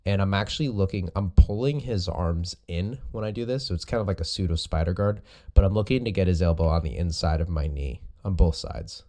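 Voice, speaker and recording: Deep, mellow-voiced man coaching casually. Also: brisk. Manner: informal, explanatory. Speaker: host and jiu-jitsu coach. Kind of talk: casual video commentary on recorded sparring.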